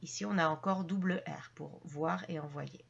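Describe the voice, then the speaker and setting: A woman's voice: deep voice, normal speed, vocal fry, breathy edge, muffled recording. A woman teaching a French grammar lesson to her channel's viewers, explaining patiently step by step with frequent fillers and restarts.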